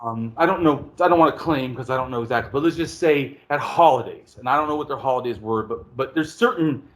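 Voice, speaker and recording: A man hosting a casual conversation, explaining at length in a rambling, animated way and swearing freely. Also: medium pitch, quick pace. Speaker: podcast host.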